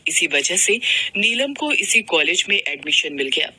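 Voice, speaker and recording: A woman narrating a moral story for a cartoon in an expressive, melodramatic reading. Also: on the low side, a little slow, husky, no room sound, rough recording.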